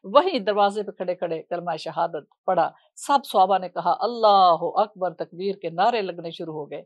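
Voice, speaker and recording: A woman telling a religious story off the cuff in a reverent way, pausing often with fillers. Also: lowish voice, no echo. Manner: reverent, with frequent hesitation fillers.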